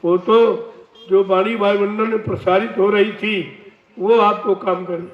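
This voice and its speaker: A man with a high but flat voice delivers a devotional sermon slowly, warning his listeners. He speaks from some distance away from the mic. The recording is dull and lo-fi, with heavy echo from a large hall. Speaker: spiritual teacher.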